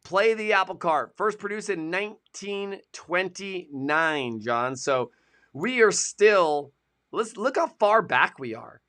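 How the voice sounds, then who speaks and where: A man's voice: high-pitched, animated, takes it slowly, pushed and bright. A man co-hosting a casual live-stream, chatting and joking as he reads idiom history from his sources. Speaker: co-host of a produce industry show.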